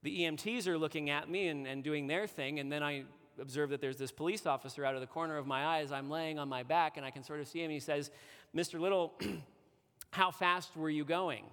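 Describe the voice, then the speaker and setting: A male preacher with a fairly high voice tells a personal story within a sermon, speaking with earnest conviction. His words ring out with a long reverb, as if from a church sanctuary. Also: steady tone, fast, few pauses, fairly bright tone, clean tone.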